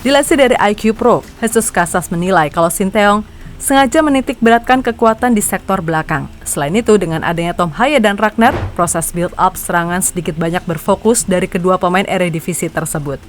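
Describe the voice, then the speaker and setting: A woman's voice: mid-range voice, a little fast. Woman narrating football news with music. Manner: opinionated, chatty. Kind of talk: scripted narration with casual asides.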